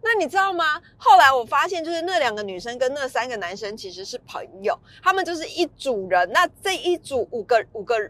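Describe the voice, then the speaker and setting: Lively high-voiced woman telling a story. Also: a little fast, hardly any pauses, no room sound. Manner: animated, laughs often, acts out quoted lines. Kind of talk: casual storytelling.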